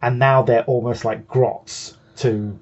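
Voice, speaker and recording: A man's voice: medium pitch, steady tone, slow pace, a little mellow, dull audio, slight background noise. A man co-hosting a hobby show, patiently explaining game rules in casual chat and often restarting his sentences. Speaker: co-host.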